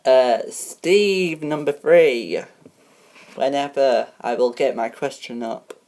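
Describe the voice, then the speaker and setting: A woman hosts a homemade game show parody in a very low voice. She speaks slowly and haltingly, with frequent ums and restarts as she reads out rules and questions. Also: warm tone.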